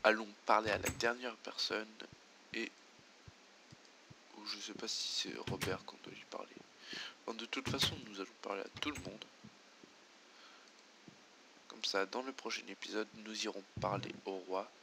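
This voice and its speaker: A man's voice: on the low side, steady tone, normal speed, gravelly, long pauses, background noise. A man doing let's play commentary, muttering to himself and reading game menus aloud. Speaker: gamer.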